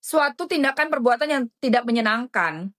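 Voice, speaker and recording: A woman's voice: on the high side, lively intonation, normal speed, fairly bright tone. A woman doing live-stream commentary in a dramatic, indignant way, often calling her listeners darling.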